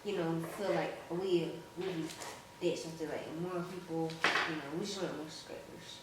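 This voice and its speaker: A man's voice: on the high side, fairly even intonation, normal speed. A man chatting casually in an eating video, often talking with food in his mouth. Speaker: vlogger. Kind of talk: casual mukbang chat. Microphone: camera set back from the table. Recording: echoey room, distant camera, noisy.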